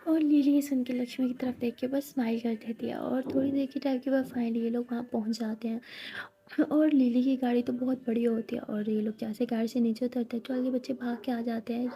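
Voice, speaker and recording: Woman storyteller, soft and intimate, dark mellow voice with gravel, pretty flat. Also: on the high side, fairly quick. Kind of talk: narrated romance story.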